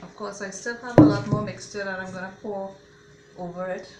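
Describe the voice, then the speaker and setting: A mother talks viewers through a home recipe in an easy, chatty way. Her voice sits at an ordinary pitch for a woman. The kitchen rings with echo, and cutlery and pans clatter behind her. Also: steady tone, brisk, very noisy. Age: adult mother. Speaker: home cook showing a recipe. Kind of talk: casual cooking demonstration. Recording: echoey kitchen with clattering cookware. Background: dishes, cutlery and blender clatter.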